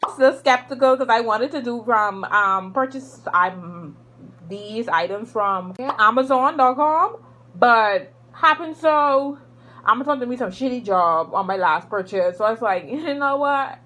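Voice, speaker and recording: A woman vlogger gushing over an unboxing in a casual, animated way, repeating excited exclamations. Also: fairly high pitch, unhurried.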